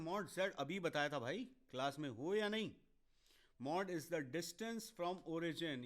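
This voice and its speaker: A man's voice: on the high side, a bit bright. A man teaching a maths lecture to exam students, switching between Hindi and English with an Indian accent, working through steps and answering comments from students. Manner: explains step by step, mixing Hindi and English; talks to students directly, quick asides to chat. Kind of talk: online exam-prep lecture.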